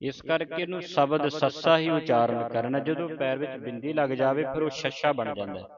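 A man with a Punjabi accent teaching the recitation of scripture, chanting each verse slowly and then explaining how it is pronounced. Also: mid-range voice, highs cut off, a crowd in the background. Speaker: Gurbani pronunciation teacher.

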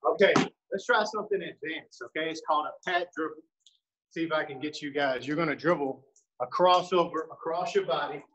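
A man's voice: a little high, brisk, lo-fi sound. A man coaching basketball dribbling drills, counting out reps and calling cues with encouragement. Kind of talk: home workout drill instruction. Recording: echoey room, mic far off, loud noise.

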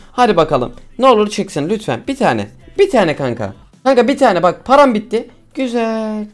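A young man casually commenting as he plays a mobile game, excitable and pleading with the game as he talks to his viewers. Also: high-pitched.

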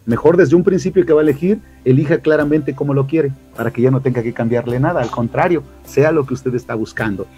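A Mexican-accented man leads a church marriage talk at a middle pitch. He speaks with lively emphasis, acting out little quotes and addressing listeners as brothers, with soft music faint behind him. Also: fast talker, hardly any pauses, breathy edge. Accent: Mexican Spanish. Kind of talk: preaching-style talk to a church audience.

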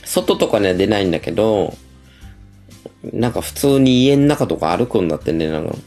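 A middle-aged man chatting casually on a livestream, his low voice rough with a gravelly edge. He tells stories in a gossipy, feminine style. Faint music plays behind him. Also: a little mellow. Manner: chatty, gossipy storytelling with feminine speech and frequent laughs.

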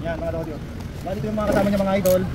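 Chatty man over loud traffic. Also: high voice, fairly even intonation, racing. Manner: chatty, keeps addressing viewers as idols. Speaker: vlogger. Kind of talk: casual unboxing vlog. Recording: loud street noise.

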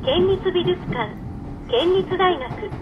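A woman makes scripted, polite, formal announcements on board a moving train, her voice animated and slow with the highs cut off. The recording is very noisy, with train rumble and noise in the background.

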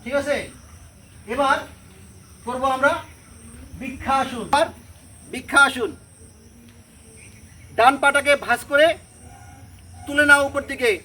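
High, bright woman yoga teacher. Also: slow, pauses often, a little hiss or hum, rough recording. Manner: gives steady step-by-step commands and counts aloud. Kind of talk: leading a children's yoga class.

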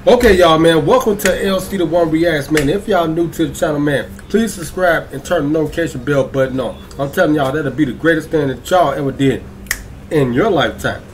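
A young man hosting his reaction channel in an excitable, slangy way, stretching out hype words and throwing in singsong ad-libs. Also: on the high side, brisk, a little hiss or hum. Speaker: YouTube reaction channel host. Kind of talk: hyped casual vlog intro.

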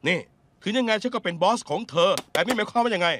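A man's voice: high voice, fast, a bit bright. A man dubbing a bossy, resentful male lawyer in a Thai drama dub, with a complaining, scornful delivery.

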